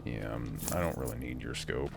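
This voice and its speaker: A man's voice: extremely low pitch, moderate pace, gravelly, background noise. A man giving casual, crude, joking gameplay commentary that rambles as he plays. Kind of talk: casual let's-play commentary. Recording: game music loud behind the voice.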